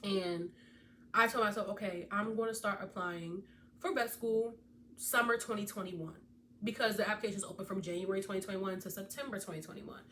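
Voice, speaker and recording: A woman's voice: mid-range voice, fairly quick. A woman in her twenties, a veterinary student, giving chatty, casual advice straight to her viewers. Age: 20s. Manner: chatty, animated, speaks directly to viewers. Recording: distant mic with faint background noise.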